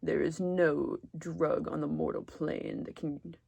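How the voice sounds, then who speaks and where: A woman voicing a pompous, grandiose young man who speaks of himself in lofty terms, slow and deliberate. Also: deep voice, steady tone, gravelly, dark tone, husky, exaggerated voice. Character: pompous grandiose young male dark lord type.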